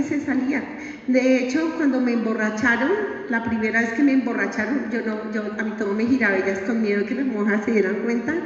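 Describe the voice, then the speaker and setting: A woman giving a live religious testimony, telling her story with lively acted-out voices. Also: fairly high pitch. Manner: animated storytelling that acts out voices. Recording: echoey hall, distant dull mic.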